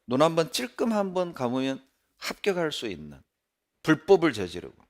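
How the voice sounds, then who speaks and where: A male pastor delivering a sermon in a church, emphatic, with sharp rises and falls. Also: on the high side, moderate pace. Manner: animated, emphatic preaching with sharp rises and drops.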